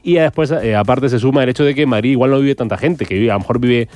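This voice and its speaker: A man, hosting a quiz segment in a radio show, teasing and quick. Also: medium pitch, a little mellow, dry recording. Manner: fast, teasing, self-mocking. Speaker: quiz host. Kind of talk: radio banter.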